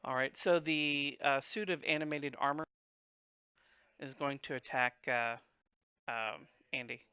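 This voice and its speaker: A man acting as game master, casually narrating a tabletop game with measured, hesitant turn announcements. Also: medium pitch, fairly even intonation, sharp tone, clean tone, dry recording, highs cut off.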